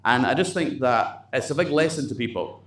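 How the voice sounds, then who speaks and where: A man's voice: medium pitch, animated, moderate pace, fairly bright tone. A man leading a company staff meeting, blunt and motivational, swearing casually as he talks. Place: office meeting room, indoors. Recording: roomy echo with faint background noise.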